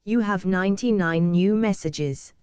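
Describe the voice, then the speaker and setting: A mechanical answering-machine voice, done by a woman, reading out messages in slow, clipped, flat phrases. The tone is dark and very smooth. It sounds dry and close. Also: mid-range voice, no echo, natural voice.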